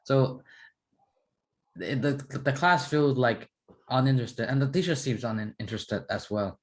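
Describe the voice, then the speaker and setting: A man's voice: mid-range voice, a little slow. A young man from Myanmar with a Burmese accent, chatting informally as a student and repeating words as he goes. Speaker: English student. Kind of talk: casual class discussion.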